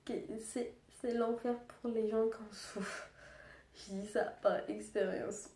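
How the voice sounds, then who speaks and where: Young woman, quiet hesitant vlog talk, subdued, flat pitch, distant from the mic in a roomy echo. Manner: quiet, hesitant, halting speech. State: subdued and sad. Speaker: vlogger. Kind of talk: personal testimony vlog.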